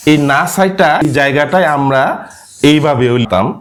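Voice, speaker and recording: A man teaching a language lesson, explaining spelling and sounds step by step and often checking with a questioning "yes?". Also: moderate pace. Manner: frequent questioning "হ্যাঁ?" to check understanding; lively rising and falling pitch.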